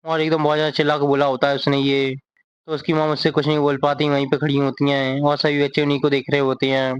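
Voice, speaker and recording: A man recapping a comic story in a casual, steady running retelling. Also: a little high, quick pace, smooth, dry recording. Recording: dull lo-fi recording.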